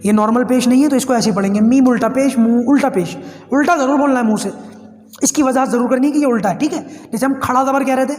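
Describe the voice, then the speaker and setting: A man teaching Quran reading, drawing out each syllable in slow spelling drills between quick explanations. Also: very high-pitched, a little mellow, reverberant, in a large hall. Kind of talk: spelling lesson for learners.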